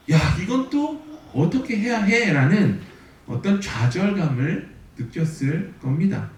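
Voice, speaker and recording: Male pastor, high and lively delivery, animated storyteller; distant mic in a roomy church sanctuary. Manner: animated storytelling, acts out quoted voices. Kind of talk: sermon.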